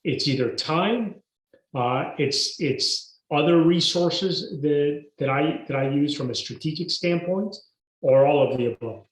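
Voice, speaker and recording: A man, a guest telling his story in a podcast interview in a measured, emphatic way. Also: on the high side. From Mexico. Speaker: guest entrepreneur. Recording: roomy echo.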